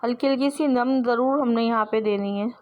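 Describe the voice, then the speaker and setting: A woman's voice: a little high, normal speed, darkish tone. A woman teaching sewing step by step, explaining patiently and repeating herself as she works with her hands.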